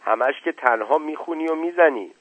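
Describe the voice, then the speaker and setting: A sympathetic village woman speaking gently, as a male reader puts her on. The voice is husky. It sounds tinny, dry and phone-like. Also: on the high side, no echo, pitched above the performer's own voice, natural voice.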